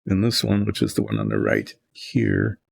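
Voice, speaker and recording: An older man talks his way through painting models in his home workshop, rambling and thinking aloud as he goes. His voice sits low and rough with a husky, gravelly edge. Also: very animated, normal speed. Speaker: hobby painting host. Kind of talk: relaxed workshop chat while painting.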